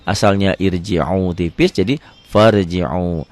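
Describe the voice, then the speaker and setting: A man's voice: deep voice, slow. A man teaching recitation rules, patiently repeating each rule and drawing out example words. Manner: asks questions and answers them himself. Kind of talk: recorded lesson on Quran recitation rules.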